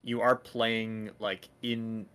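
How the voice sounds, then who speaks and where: A man's voice: lowish voice, flat delivery, takes it slowly, a bit bright, clean tone. A man running a tabletop game as dungeon master, explaining rules in a loose, rambling way with lots of "like" and restarts. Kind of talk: casual tabletop game chat.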